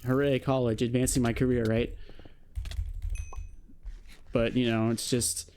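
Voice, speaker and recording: Flat and measured, a slightly mellow mid-range voice belongs to a young man in his late teens vlogging to camera. He rambles reflectively through a casual monologue, using lots of fillers and "you know," with a little hiss or hum present.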